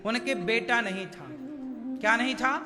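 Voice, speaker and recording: High-voiced preacher in a reverberant hall. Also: male voice, unhurried. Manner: chants Sanskrit verses, acts out dialogue. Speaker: Bhagavat Katha preacher. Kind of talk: devotional sermon storytelling. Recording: reverberant hall with music behind.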